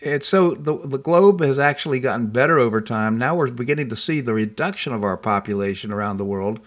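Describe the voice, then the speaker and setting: A man's voice: mid-range voice, animated, a little fast. A man hosting a talk show in a conversational style, discussing politics.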